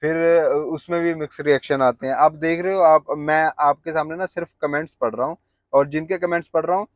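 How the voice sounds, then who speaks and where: A man's voice: on the high side, fairly even intonation, brisk, no room sound. Man chatting in a dry vlog. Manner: explaining at length with many fillers and restarts. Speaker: family vlogger. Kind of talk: casual vlog talk, reading out viewer comments.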